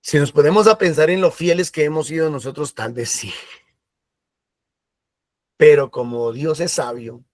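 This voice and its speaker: A male preacher delivers a sermon conversationally, slipping into acted asides and quoted voices. His voice is a little high, his pace moderate with frequent pauses, and the studio sound is clean with no echo.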